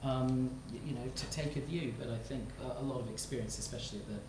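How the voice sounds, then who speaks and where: A panelist in their thirties speaking in a relaxed, self-deprecating way. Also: medium pitch, fast talker. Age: 30s. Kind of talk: panel discussion. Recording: echoey hall, mic far off, some noise.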